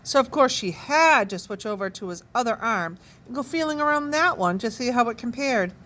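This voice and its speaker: A woman reads a children's novel aloud, her voice sitting a touch high. Her storytelling is expressive and animated, leaning into the drama of each line. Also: normal speed, slight background noise. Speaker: children's book reader.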